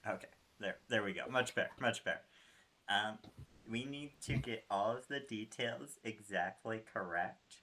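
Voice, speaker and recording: A man's voice: lowish voice, moderate pace, pushed and bright. A man playing a casual improvised game in a playful, teasing way, drawing out his words. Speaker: player.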